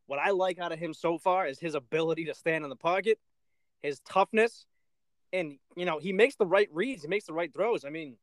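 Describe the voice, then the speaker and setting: A man's voice: a little high, no echo. A man co-hosting a casual podcast, teasing his partner and giving firm opinions on football. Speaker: podcast co-host. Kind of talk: casual podcast chat and sports talk.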